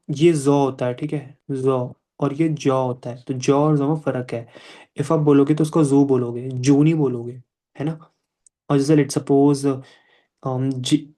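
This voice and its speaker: A young man teaching English pronunciation in a live online class, patiently repeating words slowly to demonstrate the sounds. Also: mid-range voice, dark tone.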